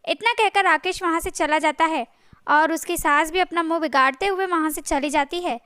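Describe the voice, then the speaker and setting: Very high-voiced woman telling a story. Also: normal speed, fairly bright tone, dry recording, studio quality. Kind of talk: storybook narration.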